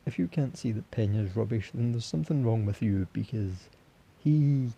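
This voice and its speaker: Young guy doing a fan reaction vlog, voice giving out, super husky and gravelly, sounds let down. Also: lowish voice, animated, fairly quick, dark tone. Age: young adult. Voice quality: husky, raspy. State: hoarse, voice giving out. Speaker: football fan vlogger. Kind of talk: solo post-match reaction talk.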